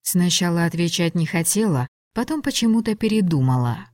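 Narrator: woman, lowish voice, wry first-person audiobook read, dry booth. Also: expressive, fairly quick, darkish tone, dry recording.

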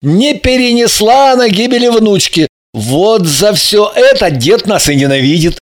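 A woman's voice: mid-range voice, expressive, a little slow, voice pushed up, lightly acted. A woman voicing a brash, sardonic young man in an audiobook, blunt and mocking. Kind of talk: audiobook character voice.

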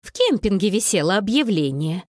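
A kind old grandmother who speaks calmly and coaxes gently, as a woman reading a children's book puts her on. Her voice rises and falls with plenty of life, recorded close and dry. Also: medium pitch, normal speed, no room sound, natural voice. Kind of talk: audiobook narration.

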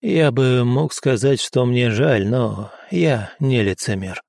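A man doing a quiet grim commander. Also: mid-range voice, creaky, dry recording, studio quality. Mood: quiet resolve. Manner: quiet, measured. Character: calm grim older male commander, blunt.

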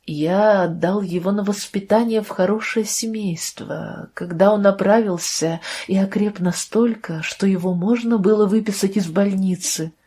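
A woman reading the part of a remorseful male doctor who confesses in a hushed, halting way. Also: medium pitch, slightly rough, natural voice. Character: remorseful male doctor, quiet and guilt-ridden.

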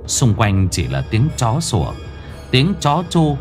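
A man's voice: medium pitch, huge pitch swings, slow pace, a little mellow. A man narrating a ghost story in a theatrical, swinging way. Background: faint music.

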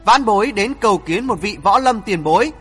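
A man reading aloud, voicing a bold young swordsman who speaks calmly, firmly and with respect. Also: high voice, brisk, slightly rough, big-room sound, faint music behind, full character voice. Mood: firm, respectful. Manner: calm, firm, respectful.

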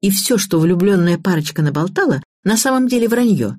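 A woman voicing an inquisitive, sharp-tongued older mother-in-law who talks bluntly in quick exclamations. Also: medium pitch, expressive, no room sound, studio quality, natural voice. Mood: probing.

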